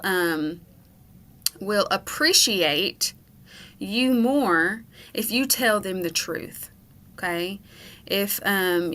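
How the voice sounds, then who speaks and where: Bright-voiced woman teaching kids. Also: medium pitch. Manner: checks in with "okay?" after nearly every point; patient, explaining, storytelling. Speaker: school educator. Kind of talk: character lesson for children.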